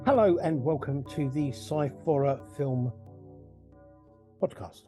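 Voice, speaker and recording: A man's voice: on the high side, takes it slowly, music in the background. A middle-aged man hosting a casual film review podcast, rambling, chuckling and correcting himself as he goes. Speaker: podcast host.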